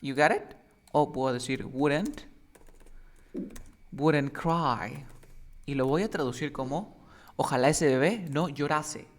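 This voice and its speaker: A man's voice: a little high, slow pace, long pauses. A man teaching English one-on-one, giving feedback patiently and explaining step by step while often checking that his student understands.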